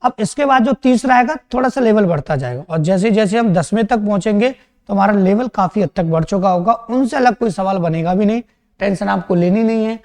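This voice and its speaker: A man with a high voice talks through math problems quickly and reassures his students, often checking that they are following. The sound has a long reverb tail, as if recorded in a big, bare room. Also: animated, a little mellow. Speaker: math teacher. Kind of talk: exam-prep math lesson.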